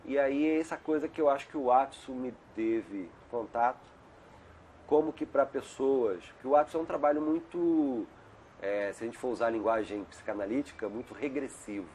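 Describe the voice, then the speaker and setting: A middle-aged male doctor, an interview guest on a video call, chats casually and wanders off topic, frequently adding "né?". His medium-pitched, darkish voice moves at a moderate pace over a little hiss or hum.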